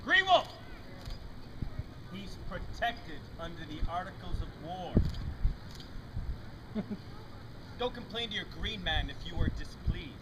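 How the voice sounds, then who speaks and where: A man's voice: sits high, unhurried, pauses often. A man playing a scheming, menacing villain lord with taunting, theatrical Renaissance faire speech. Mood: indignant, mocking. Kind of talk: Renaissance faire stage drama, olde speech. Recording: very noisy outdoor live recording.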